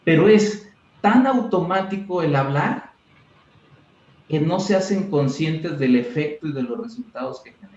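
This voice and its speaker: A man talks as a mental coach in an interview, animated and acting out little scenes to make his point. His voice sits fairly high. The sound is roomy and dull, like a video call. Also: normal speed. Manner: animated, acts out examples in quoted voices. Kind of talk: explanatory interview talk.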